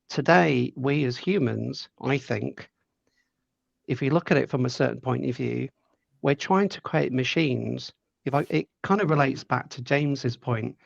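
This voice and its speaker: A middle-aged man talks through his views in a measured, thoughtful way, often doubling back on words as he thinks. His voice has a gravelly edge. The sound is dry and a little dull, with no room around it. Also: medium pitch, no room sound. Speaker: podcast guest. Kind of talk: conversational interview answers.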